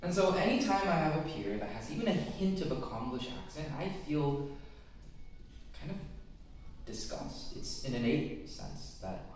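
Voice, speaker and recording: A man's voice: on the high side, very animated, a little mellow, a little hiss or hum. Teenage boy, West Coast accent, echoey hall. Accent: West Coast American. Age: teens. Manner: reflective, measured storytelling. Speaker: student speaker. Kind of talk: prepared personal talk. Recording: very echoey room, mic at a distance.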